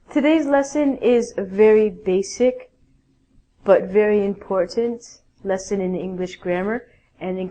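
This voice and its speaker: Slow, patient woman teaching English grammar. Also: medium pitch, a little mellow. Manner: slow, patient explaining with example sentences. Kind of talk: online grammar lesson.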